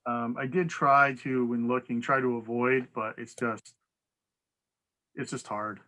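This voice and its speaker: A man's voice: medium pitch, fairly even intonation, measured pace, pushed and bright, low-quality recording. A man chairing a town council public hearing over a video call, talking in an easygoing, procedural way with the odd light laugh.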